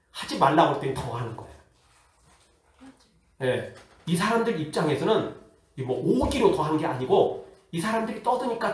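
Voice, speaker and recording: A man who is a pastor, preaching a sermon in a lively way with rhetorical questions and acted-out voices. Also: high-pitched, heavy reverb, recorded from a distance. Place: church hall.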